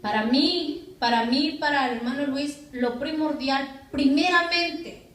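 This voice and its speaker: Woman pastor, high voice, preaching, recorded from afar in an echoey church. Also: unhurried, fairly bright tone, distant mic, a little hiss or hum. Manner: preaching with rhetorical questions to the congregation. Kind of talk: sermon. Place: church hall.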